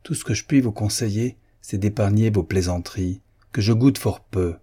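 A man's voice: on the low side, moderate pace, warm tone, breathy edge. A man reading a proud young woman's lines in a period novel, speaking firmly and coolly, with dignity. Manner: firm, cool, dignified.

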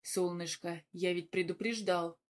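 A woman's voice: fairly low pitch, steady tone, unhurried, lightly acted. A woman voicing a teasing young man who talks affectionately to his girlfriend. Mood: tender. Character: young man, jealous lover, joking.

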